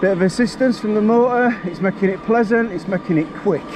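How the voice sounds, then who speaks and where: Noise surrounds this mountain biking vlogger as he heads up a forest trail on an e-bike, somewhat out of breath and speaking bluntly to camera. His voice is high-pitched and fairly quick.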